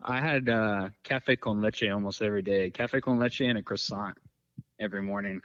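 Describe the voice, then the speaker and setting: As a podcast guest, this man tells loose, rambling stories packed with fillers in a casual chat. He speaks at a moderate pace in a lowish, fairly bright voice with fairly even intonation. The lo-fi sound is dull and dry, with no echo.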